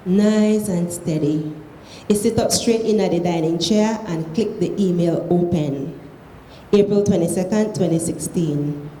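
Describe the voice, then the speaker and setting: Mellow Belizean woman reading in an echoey room. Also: medium pitch. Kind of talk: literary reading aloud of prose fiction. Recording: echoey room, faint background noise.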